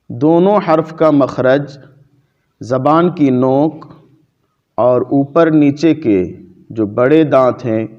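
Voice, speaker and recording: A man teaching Quran pronunciation in a mosque lecture, patiently explaining and drawing out letter sounds as examples. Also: mid-range voice. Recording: dull lo-fi recording.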